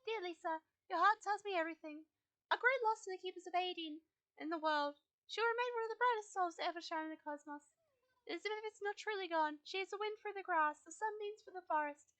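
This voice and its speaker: A woman voicing an ancient, gentle cosmic blue spirit that speaks in a solemn, measured way. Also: extremely high pitch, voice pushed up.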